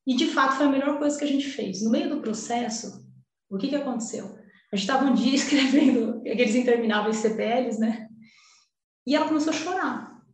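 High-voiced Brazilian woman in echoey room. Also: a little fast, darkish tone, recorded from a distance. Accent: Brazilian Portuguese. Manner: emotional, chatty, peppered with slang fillers. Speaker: entrepreneur guest. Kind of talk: casual storytelling.

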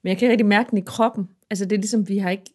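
A woman, a mother, talking in a relaxed, earnest and reflective way in a casual chat. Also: medium pitch, slightly rough. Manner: earnest, reflective, animated at times.

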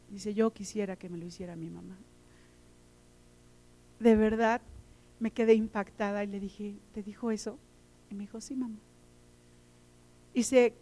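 A woman's voice: sits high, mellow. A middle-aged woman giving an emotional sermon, telling personal stories and often repeating her words. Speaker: teacher and lay preacher.

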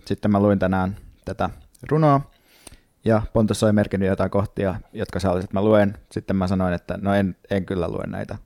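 A man chatting casually as a podcast co-host, speaking in a halting, sheepish way. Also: low-pitched, fairly even intonation, a little mellow, dry recording, clean studio sound. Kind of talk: casual chat.

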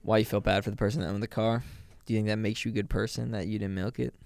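A man's voice: lowish voice, little pitch movement, rapid-fire, creaky, a little mellow, no room sound. A young man co-hosting a casual chat podcast, teasing and joking with a sarcastic edge.

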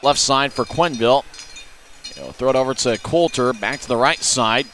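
A man announcing a hockey game in rapid play-by-play, with clipped running calls that follow the action. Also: mid-range voice, a bit bright, slight background noise.

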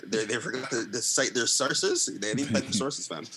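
A man's voice: fairly low pitch, moderate pace, over a noisy crowd, poor audio. A man co-hosting a podcast in casual, jokey talk, repeating phrases for emphasis. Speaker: podcast co-host. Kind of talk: casual chat.

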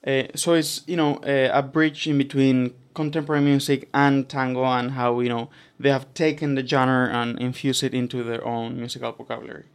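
A man's voice: mid-range voice, level tone, a little fast, hardly any pauses, clean tone. A young man from Argentina, talking as a guest in a casual interview, hesitant with many fillers and restarts. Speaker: doctoral student guest.

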